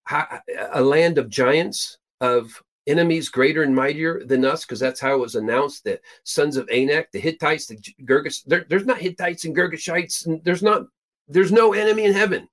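A middle-aged man raised in Peru, hosting a show and teaching from the Bible in an emphatic way, stressing his high points. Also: normal speed, fairly bright tone. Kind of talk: scripture teaching talk.

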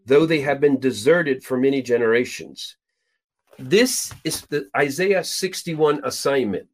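A middle-aged man raised in Peru, hosting a show and teaching from the Bible in an emphatic way, stressing his high points. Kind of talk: scripture teaching talk.

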